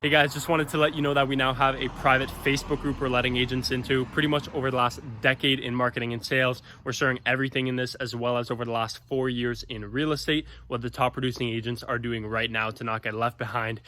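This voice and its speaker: A man's voice: mid-range voice, little pitch movement, fast, hardly any pauses, pushed and bright, a little hiss or hum. A man from the Czech Republic hosting a podcast, asking questions with frequent fillers. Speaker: podcast host. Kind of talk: podcast interview.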